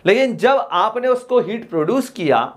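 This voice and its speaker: A man teaching a class, calling students "dear children" affectionately, asking questions and answering them himself, and reading definitions slowly. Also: high voice, expressive. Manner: reads English definitions slowly. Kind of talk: classroom lecture.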